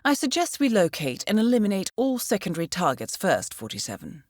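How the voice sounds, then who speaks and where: Voicing a video game mission handler, a woman briefs an assassin as a poised intelligence agent, composed and formal, with a cool, businesslike mood and dry wit. Her mid-range voice is sing-song and a little fast, with no room sound.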